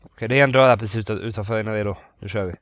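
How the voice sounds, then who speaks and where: Jumpy low-voiced man playing horror. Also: a bit bright, a little hiss or hum. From Sweden. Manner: jumpy, swears when startled, repeats phrases; nervous muttering to himself. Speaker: gamer playing a horror game. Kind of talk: let's play commentary.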